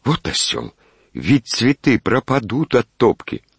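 A man voicing a vain, excitable male official who shouts and frets, then muses dreamily. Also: medium pitch, a little slow, creaky, husky, dry recording, pitched above the performer's own voice, heavily acted. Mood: agitated.

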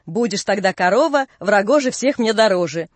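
A woman's voice: medium pitch, lively intonation, brisk, no echo, close to an everyday voice. A woman voicing a foolish young boatman who teases crudely. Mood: mocking. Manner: mocking, teasing.

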